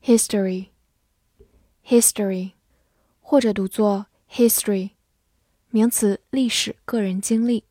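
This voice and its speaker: A woman reading a vocabulary list slowly, saying each word twice before its meanings. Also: fairly high pitch, dark tone, no echo, studio quality. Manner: slow, deliberate, repeats each word twice. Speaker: vocabulary reader. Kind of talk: slow word-list drill.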